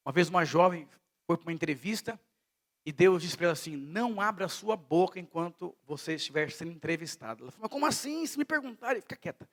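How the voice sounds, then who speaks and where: A man from Brazil preaches at a church service in a slightly raised register. He tells stories, dropping to a hush and then rising to loud emphasis. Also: fairly high pitch, fast. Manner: storytelling preacher, swings between hushed and loud. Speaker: pastor. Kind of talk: sermon.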